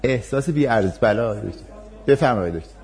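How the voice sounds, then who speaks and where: A male university lecturer giving a class, calmly acting out patient, empathetic replies to a student. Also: medium pitch. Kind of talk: class lecture with role-play demonstrations.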